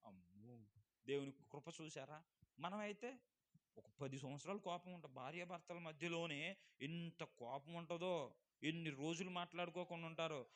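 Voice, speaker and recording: A male pastor delivers a sermon at a church service. His voice sits high and sounds bright and forceful. He swings between loud, emphatic declarations and soft, quiet asides. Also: normal speed.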